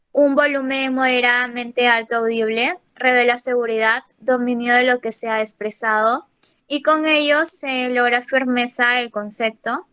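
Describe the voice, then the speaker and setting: A woman student presents a class lesson in a steady reading voice. Her voice sits high and sounds bright, with a smooth, crisp clarity. She keeps a plain, even delivery with a few fillers.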